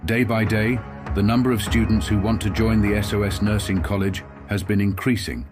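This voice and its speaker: A man reading a documentary voice-over in a measured, formal way. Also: fairly low pitch, fairly even intonation, over music. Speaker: documentary narrator. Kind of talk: scripted voice-over narration.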